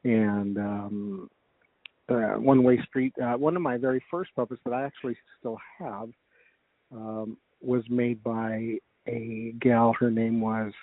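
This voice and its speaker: A man's voice: medium pitch, steady tone, no echo. Middle-aged American man on a dull phone line. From United States. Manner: rambling, halting recollection. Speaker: guest, comedic ventriloquist. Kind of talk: casual interview chat. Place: phone interview.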